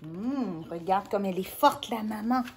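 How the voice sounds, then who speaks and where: A woman reading a picture book aloud to a child, gentle and playful, dropping into soft whispered asides. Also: medium pitch, measured pace, a little hiss or hum. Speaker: children's storyteller.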